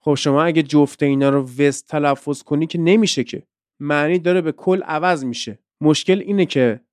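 Podcast host and teacher, male, light-pitched and smooth, dry close-mic delivery explaining examples. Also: no echo.

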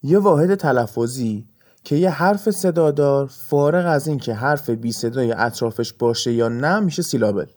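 A man's voice: medium pitch, lively intonation, a little mellow. A man hosting an educational podcast, patiently explaining things step by step with examples. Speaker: podcast host and English teacher.

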